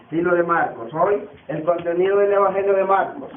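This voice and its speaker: Male Bible teacher, high pitch, repetitive quizzing lecture style, captured far off on a tinny, roomy recording. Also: a little fast, a little hiss or hum. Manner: repeats key terms, quizzes the class. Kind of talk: classroom lecture. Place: classroom. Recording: tinny, echoey distant classroom recording.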